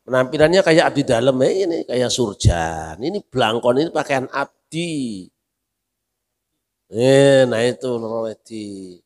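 A man preaching a mosque sermon as a kyai, telling stories lively and acting out the voices in them while joking with the congregation. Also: mid-range voice, a little slow. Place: mosque hall. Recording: long reverb of a mosque hall.

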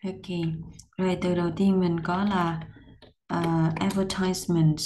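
A woman teaching pronunciation, patiently explaining step by step and slowly repeating words to demonstrate them. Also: fairly low pitch, little pitch movement, darkish tone, slight background noise.

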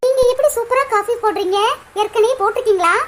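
A woman voicing Priya, a young cartoon wife who is soft-spoken and apologetic, with a Tirunelveli Tamil accent. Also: extremely high pitch, fast, slight background noise. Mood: curious.

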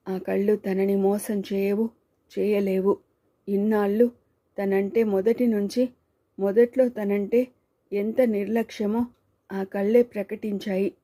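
A woman narrates a story aloud with a calm, even delivery. Her voice is very dark and mellow. Her pitch stays flat from line to line. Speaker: audiobook narrator.

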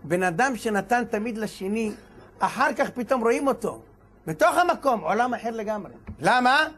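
Man rabbi, very high voice, animated sermon storyteller who acts out his characters. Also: a little hiss or hum. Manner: animated storyteller acting out dialogue and shouts. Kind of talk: sermon with told stories.

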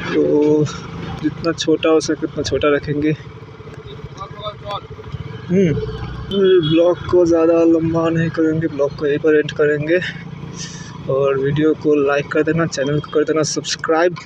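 A man's voice: a little high, little pitch movement, measured pace, pauses often. A young man from India chatting casually while riding a motorbike through city streets, rambling with fillers. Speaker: motovlogger. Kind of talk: casual motorcycle vlog narration. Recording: muffled with loud road noise.

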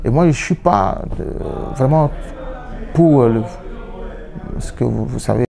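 Music plays beneath a medium-pitched voice with vocal fry as a man speaks at a measured pace. He's a musician in his thirties, Yoruba as his first language, giving thoughtful interview answers from a sofa in an indoor room and often restarting and repeating words.

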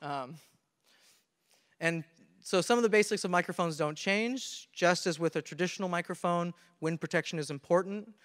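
A young conference presenter with a high-pitched, fairly bright voice speaks at normal speed into a handheld mic on stage in a large hall before an audience. His technical talk is earnest and step by step, full of restarts, and the camera recording carries heavy hall reverb.

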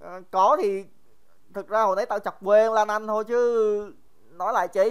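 Joking young male math teacher, smooth voice. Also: sits high, steady tone, moderate pace. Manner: joking, teasing students by name; chatty, repeats phrases, laughs often. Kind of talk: casual livestream review lesson.

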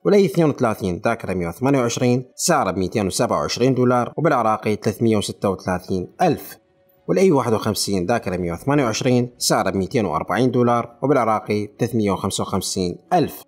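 A man with an Iraqi accent hosting a tech channel, reading out a long list of phone prices in a steady run. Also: on the low side, breathy edge, faint music behind. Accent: Iraqi Arabic. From Iraq. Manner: rapid, listing figures in a steady run.

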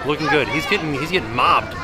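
Animated American man vlogging amid crowds. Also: on the high side, fast. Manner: animated, upbeat. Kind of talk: casual chatty vlog narration. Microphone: handheld camera at arm's length. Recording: busy crowd noise behind handheld camera.

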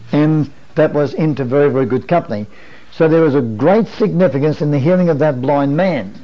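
An older man in his sixties gives an earnest sermon-style Bible lesson in a fairly high voice, explaining each point and asking his listeners rhetorical questions. The sound is dull and lo-fi, as on an old 1980s video recording. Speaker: preacher teaching a Bible study. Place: wood-panelled meeting room.

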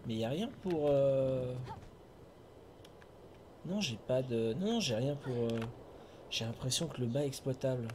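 A man's voice: medium pitch, lively intonation, unhurried, pauses often, warm tone, a little hiss or hum. A man giving casual running commentary while playing a video game, chatting with viewers and humming to himself. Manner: chatty, talks to himself and chat, hums tunes.

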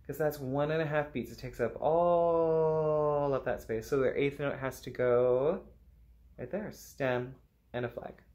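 A man's voice: on the high side, fairly even intonation, unhurried, a little mellow. A man teaching an online music lesson to children, playful and upbeat, singing rhythm syllables and sometimes whispering.

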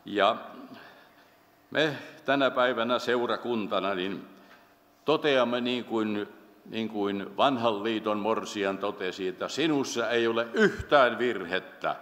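A man preaching a solemn, measured sermon in a church, slowing down when he quotes scripture. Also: fairly low pitch, a bit bright. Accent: Finnish. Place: church sanctuary. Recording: long church hall reverb.

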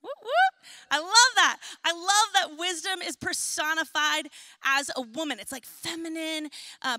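A young woman preaches with a high, bright voice, loud and energetic, tossing in casual jokes between points. Her voice is recorded close and dry. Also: no echo. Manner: energetic, loud and chatty with playful asides. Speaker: pastor. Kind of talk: sermon. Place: church auditorium.

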